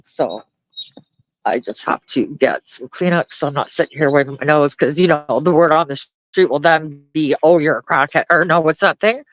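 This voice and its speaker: A deep-voiced woman livestreams from her phone held close, ranting and chatting with viewers at normal speed in blunt, heavily profane talk. She laughs a lot and addresses her chat and her dog, in lo-fi audio without room sound.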